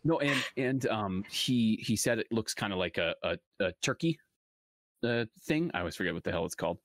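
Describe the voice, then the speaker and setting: A man's voice: lowish voice, brisk. A man in his thirties co-hosting a casual chat, telling rambling stories. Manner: rambling storyteller, animated. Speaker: podcast co-host.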